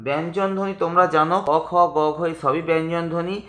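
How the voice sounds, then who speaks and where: A man teaching a grammar lesson, speaking to his students as friends and slowly drawing out the example words. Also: on the high side, fairly even intonation, fairly bright tone, echoey room. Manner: slow, drawn-out pronunciation of example words.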